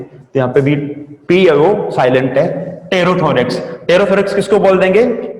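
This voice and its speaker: Brief: male coaching teacher, higher voice, quizzes the class rhetorically, roomy hall sound. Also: a little mellow. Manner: explains step by step, asks and answers his own questions. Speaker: agriculture entomology teacher. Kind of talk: classroom lecture. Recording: echoey classroom with long reverb.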